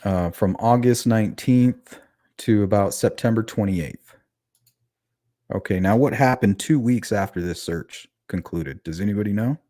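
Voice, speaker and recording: A man's voice: fairly low pitch, unhurried, warm tone, no room sound, clean studio sound. A man with a lisp hosting a casual livestream commentary, talking conversationally and putting questions to his audience. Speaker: livestream host. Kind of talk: casual true-crime livestream commentary, reading chat aloud.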